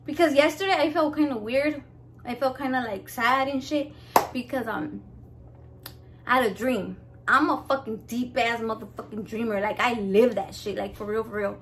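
A young woman with a Mexican American accent talks to her viewers in a high, brassy voice, cursing freely and switching between English and Spanish. She tells stories like she's gossiping with friends at home. A faint hiss sits under the recording. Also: moderate pace. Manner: brash, swears constantly, switches into Spanish. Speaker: cooking channel host. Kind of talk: casual profane chat to camera.

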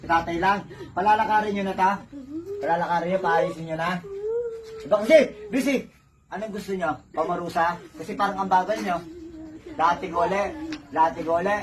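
Commanding faith healer, distant and crowded. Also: male voice, sits high, fairly even intonation, a little fast, long pauses, a crowd in the background. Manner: commanding, repeats questions insistently. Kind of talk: exorcism session. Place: home healing session.

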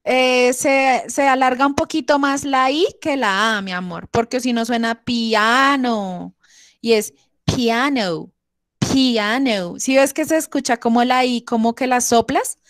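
A woman teaching English to young children on a video call, affectionate and slow in her pronunciation drills. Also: high voice, no echo, studio quality. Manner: affectionate, calls pupils "amor". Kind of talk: online class for young children.

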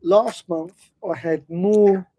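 A man's voice: sits high, steady tone, slow pace, mellow, dry recording. A man chatting casually as co-host of a van-life livestream, teasing and dry, inside a camper van.

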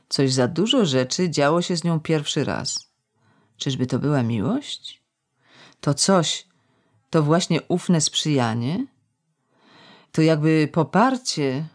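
An audiobook narrator reading a novel in a measured, reflective storytelling manner. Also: mid-range voice.

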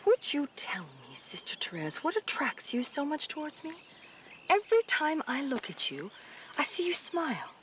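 Curious fellow nun. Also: female voice, high voice, huge pitch swings, moderate pace, fairly bright tone, a little hiss or hum, heavily acted. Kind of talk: film drama acting.

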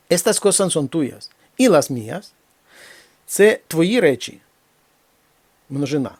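Gravelly man teaching a slow lesson. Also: medium pitch, dark tone, dry recording. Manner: slow, deliberate reading of examples, then explains. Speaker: Spanish teacher. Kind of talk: language lesson.

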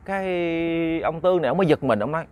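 A man's voice: a little high, a little fast, a little mellow, smooth. Chatty man telling a ghost story. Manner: casual, chatty retelling.

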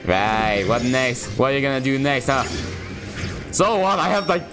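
A man's voice: medium pitch, sing-song, moderate pace. A young man streaming a game, chatting casually in a rambling, self-deprecating way. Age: young adult. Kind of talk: casual live gameplay chat. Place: small indoor room at home. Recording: loud game music behind voice. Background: game music.

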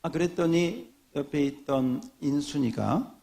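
Gravelly, joking preacher. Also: male voice, a little high, measured pace. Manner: joking, animated storytelling. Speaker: pastor. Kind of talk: sermon.

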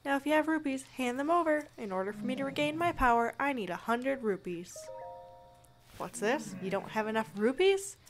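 A woman's voice: sits high, lively intonation, moderate pace, soft background music. A woman voicing a great fairy, a female spirit who is dramatic and pleading, with a theatrical delivery.

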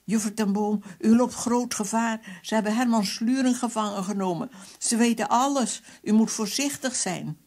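A woman's voice: on the high side, darkish tone, pitched above the performer's own voice. A woman voicing a frightened woman urgently warning of danger over the phone. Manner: urgent and rapid.

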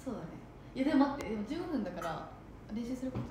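A young woman chatting casually with friends, agreeable and quick to laugh. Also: a little high, sing-song, noisy background. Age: young adult. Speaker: idol group trainee. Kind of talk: casual chat among friends. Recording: echoey room with chatter behind.

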